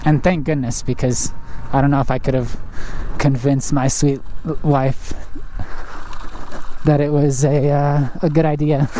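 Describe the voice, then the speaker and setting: A man chatting casually inside a helmet as he rides, rambling and haltingly thinking aloud like a motovlogger. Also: mid-range voice, little pitch movement, dark tone. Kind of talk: casual chat while riding. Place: inside a helmet, riding outdoors on a trail. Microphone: helmet microphone. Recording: muffled inside a helmet, vehicle noise. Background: faint vehicle and riding noise.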